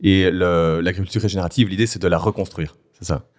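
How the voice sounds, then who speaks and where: A man's voice: deep voice, fairly even intonation, fast talker. A man hosting a podcast, introducing the show and asking a guest questions with some hesitation. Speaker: podcast host. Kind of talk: podcast interview.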